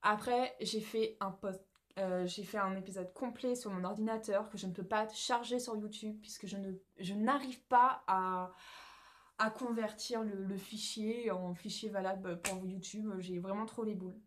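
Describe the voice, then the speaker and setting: A woman's voice: mid-range voice, fairly even intonation, moderate pace. Woman, young adult, from France, casual vlog chat, rambling, many fillers, home phone recording. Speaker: knitting vlogger. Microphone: phone or camera recording at home.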